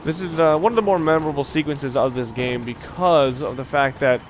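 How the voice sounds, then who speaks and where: A man with a slightly high voice and a brisk pace hosts a let's play, offering casual, unscripted commentary that rambles into musing and dryly humorous asides. Background noise is clearly audible under his voice.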